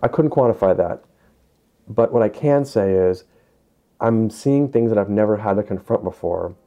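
A man with a fairly low voice talks candidly as an interview guest. He thinks aloud haltingly, and the remote call makes him sound slightly dull and lo-fi. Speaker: emergency doctor, interview guest.

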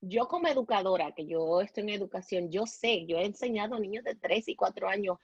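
A woman from the Dominican Republic, raised in Puerto Rico, with a Puerto Rican Spanish accent. She is a podcast guest telling a personal story haltingly, with many restarts and English words slipped in. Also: mid-range voice, husky, no echo, dull audio.

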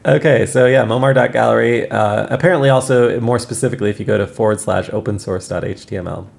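A man's voice: mid-range voice, fast, creaky, darkish tone. A man co-hosting a podcast in casual chat, rambling with plenty of fillers and frequent laughs. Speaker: podcast co-host.

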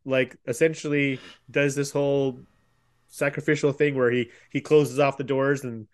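A man's voice: mid-range voice, flat delivery, moderate pace. A man on a casual podcast, chiming in with puzzled questions about a show. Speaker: podcast panelist.

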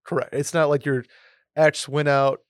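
A man co-hosting a casual advice podcast, talking in a relaxed, agreeable way. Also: on the high side, normal speed, clear, resonant tone, no room sound, clean studio sound. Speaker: podcast co-host.

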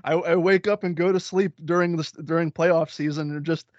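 A man's voice: on the high side, steady tone, brisk, darkish tone, no echo. A man co-hosting a podcast in casual chat, hesitant and often repeating himself. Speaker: podcast co-host. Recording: dry, dull lo-fi sound.

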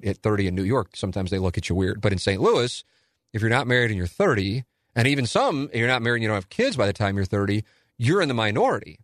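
A man's voice: on the low side, no echo, studio quality. A man in his forties hosting a solo listener Q&A, talking in a candid, rambling, self-deprecating way. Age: 40s. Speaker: radio and podcast host.

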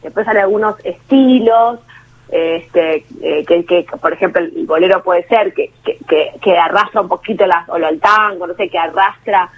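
A woman with a Rioplatense Spanish accent, an actress and singer, chats casually as a radio interview guest, poking fun at herself and restarting often. Her fairly low, slightly rough voice moves at a moderate pace over a tinny phone line.

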